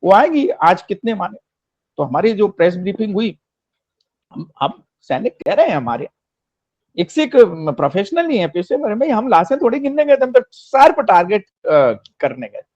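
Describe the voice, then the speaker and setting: A man's voice: high voice, big pitch swings, moderate pace, darkish tone, no echo. A man giving impassioned political commentary, rhetorical and emphatic, repeating phrases for effect, on a dry, slightly dull recording.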